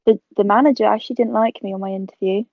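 Racing along in a steady, mid-range voice, this guest photographer, a woman in her twenties originally from South Africa, chats casually and laughs readily during the interview. The recording is dry and sounds tinny, like a phone line.

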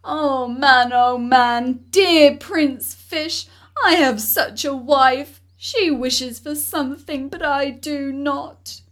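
A woman voicing a timid poor fisherman who pleads anxiously and loudly in a storybook reading. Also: sits high, sing-song, extremely slow, heavily acted. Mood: pleading.

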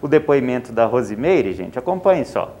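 A man's voice: medium pitch, very animated, normal speed, dark tone. Conversational male TV host. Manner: prompting, conversational, ends with "né?". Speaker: TV news host. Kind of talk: interview questions and segues.

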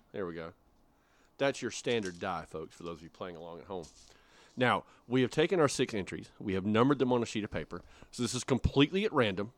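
A man's voice: on the low side, no room sound. Jokey male podcast co-host, dry sound. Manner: jokey, playful, drawn-out emphasis. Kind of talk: casual podcast chat.

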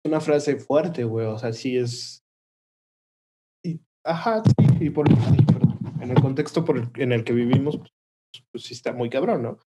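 A young man with a Mexican accent, co-hosting a podcast in relaxed, slangy chat. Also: medium pitch, normal speed, slight background noise. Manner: relaxed, slangy, hesitant fillers. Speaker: podcast co-host. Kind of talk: casual chat.

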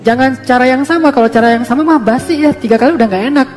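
A man's voice: very high-pitched, rapid-fire, faint music behind. A man giving a casual religious talk as a preacher, in a playful, joking way. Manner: playful, joking, teasing delivery.

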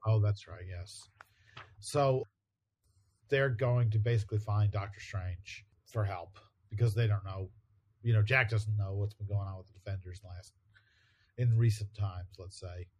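A man's voice: on the low side, a little slow. A man co-hosting a casual podcast, recapping a comic book page by page and laughing easily. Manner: relaxed, laughs often, recaps by paraphrasing. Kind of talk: casual chat.

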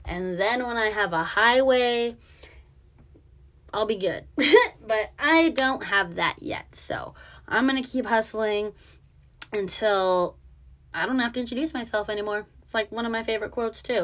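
A woman's voice: medium pitch, a bit bright. A young woman talking casually in a monologue, brash and self-assured, swearing freely and using lots of fillers.

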